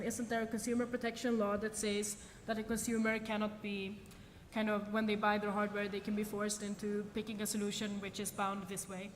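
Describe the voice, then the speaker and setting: Speaking at a conference in a large, reverberant lecture hall, a woman whose first language is Swedish delivers a talk and takes questions. Her fairly high voice is full of ums and restarts as she thinks aloud, and long reverb and faint noise color the recording.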